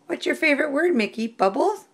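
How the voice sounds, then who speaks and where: A woman's voice: sits high, lively intonation, fairly quick. A woman at home using sing-song baby talk, coaxing a toddler to say words for the camera. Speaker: parent filming a toddler.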